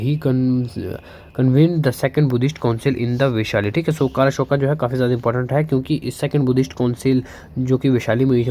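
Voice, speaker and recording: A man teaching history for exams, reading English lines slowly, then explaining fast in Hinglish with fillers and questions he answers himself. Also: medium pitch, mellow. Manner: keeps asking and answering his own questions. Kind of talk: exam-prep lecture.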